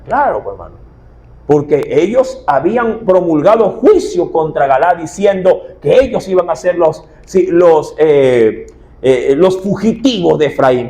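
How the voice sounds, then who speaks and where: A man's voice: a little high, darkish tone, poor audio. A man, preaching a sermon as pastor, firing rhetorical questions at his congregation. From Ecuador.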